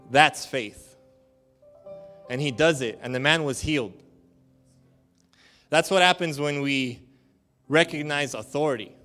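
A male pastor preaching a sermon in a lively, joking, conversational way. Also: a little high.

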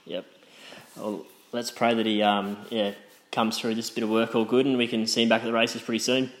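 A man's voice: lowish voice, little pitch movement, moderate pace. An Australian man conducting a casual interview, asking questions in a friendly, somewhat hesitant way.

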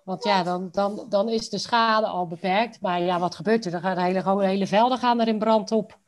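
A woman's voice: medium pitch, steady tone, a little fast. A woman from Rotterdam with a Rotterdam Dutch accent, answering interview questions in a casual, colloquial way. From Rotterdam, Netherlands. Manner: informal and colloquial. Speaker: interview guest.

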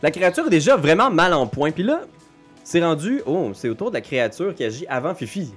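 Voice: medium pitch, sing-song, brisk, husky, soft background music. A game master with a Quebec French accent, narrating a tabletop game in a playful way, laughing often and making sound effects.

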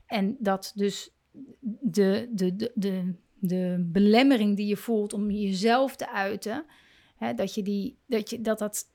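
A woman hosting a parenting podcast, talking in a gentle, coaching way and often rephrasing herself mid-sentence. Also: mid-range voice, steady tone, slow. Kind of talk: reflective solo podcast talk.

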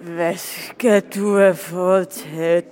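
A man's voice: high voice, steady tone, darkish tone, faint music behind, lightly acted. An actor playing a pushy man at a bar who knows the listener's father and probes with persuasive questions. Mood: probing. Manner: probing, persuasive. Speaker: stranger at a bar. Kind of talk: radio drama acting.

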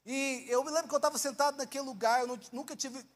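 High-voiced Brazilian preacher man. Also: steady tone, fast talker. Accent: Brazilian Portuguese. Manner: keeps asking the congregation questions; storytelling, acts out his own past words. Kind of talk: sermon with personal testimony.

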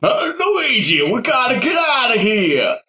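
A man voicing a blasé teenage boy podcaster who reads along offhandedly and bursts into loud silly impressions. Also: very high-pitched, huge pitch swings, measured pace, heavily acted. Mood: shouty impression. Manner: offhand, drawling, bursts into a shouty fake accent.

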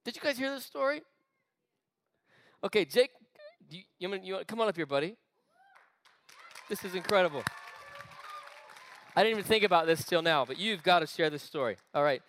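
A man preaching an energetic sermon to a youth group, chatty and full of asides. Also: high-pitched, some chatter behind, a little hiss or hum. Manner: animated, conversational preaching with quick asides. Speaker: youth pastor. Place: church meeting room.

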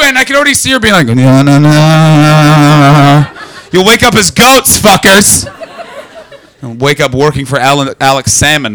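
A man doing stand-up crowd work, brash and profane, teasing the audience and breaking into loud shouts. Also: high voice. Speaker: stand-up comedian. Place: London comedy club.

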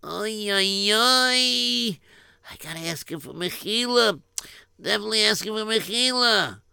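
A man voicing an anxious schoolboy who groans and mutters his worries in a rushed, higher voice. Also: vocal fry, sharp tone, clean tone, no echo, studio quality, full character voice. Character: fretful schoolboy, guilty and anxious.

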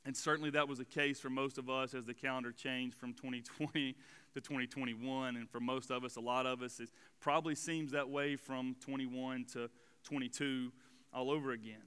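A man in his forties preaches a sermon in a bright, ringing voice that stays smooth and clear. He talks to the room in a relaxed, chatty way, with plenty of fillers. The church hall lends his voice a long reverb. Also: mid-range voice, moderate pace. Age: 40s. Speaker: student pastor. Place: church sanctuary.

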